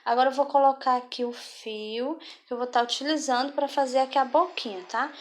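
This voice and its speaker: A woman with a slightly high voice teaches a craft step by step. She talks patiently and keeps checking in with the viewer as she goes. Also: fairly even intonation, brisk. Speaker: craft instructor.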